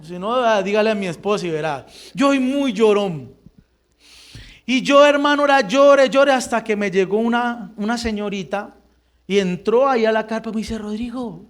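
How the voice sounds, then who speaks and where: A church member with a high voice gives his testimony during a church service, speaking at normal speed. He tells it as animated storytelling and acts out the quoted dialogue.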